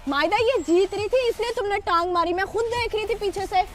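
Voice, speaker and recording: Woman as a firm, caring big sister, very high, music bed. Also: a little fast. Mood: scolding. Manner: caring but stern. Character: protective elder sister who scolds the cheater. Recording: music behind.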